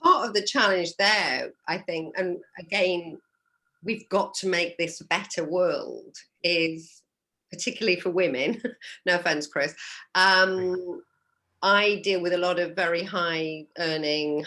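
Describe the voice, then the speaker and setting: Woman host, low voice, probing, restarts her sentences, coaching panel chat. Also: fairly bright tone. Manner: probing, repeats words when starting a thought. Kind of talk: casual panel discussion.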